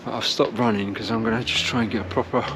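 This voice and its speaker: This man is a running vlogger chatting to camera outside on urban streets, explaining as he goes. His fairly low voice has fairly even intonation and moves fast, and city traffic can be heard throughout.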